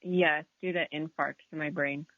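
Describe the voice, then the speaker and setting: A woman's voice: sits low, steady tone, moderate pace, a bit bright, no echo. Woman in her thirties on a phone line. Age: 30s. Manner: earnest, explaining, hesitant fillers. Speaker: caller. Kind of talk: phone-in caller.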